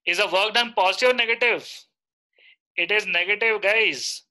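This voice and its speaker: Bright-voiced Indian-accented male online teacher. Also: sits high, moderate pace, rough recording. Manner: instructive, checks with short repeated questions. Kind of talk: live interactive lecture.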